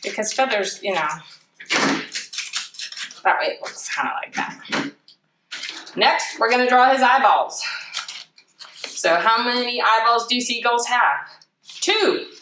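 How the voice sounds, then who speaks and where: Speaking slowly with long pauses, a woman whose voice is on the high side runs a casual craft demonstration for children as a library storytime presenter. She chats playfully and makes self-deprecating asides. The audio is roomy, picked up by a distant mic, with clear background noise.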